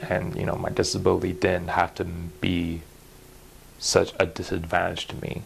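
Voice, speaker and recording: A young man speaking candidly and in a measured way to camera from his bedroom. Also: low-pitched, flat delivery, vocal fry. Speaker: gamer interviewee. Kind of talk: personal testimony to camera. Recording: noisy room with hum.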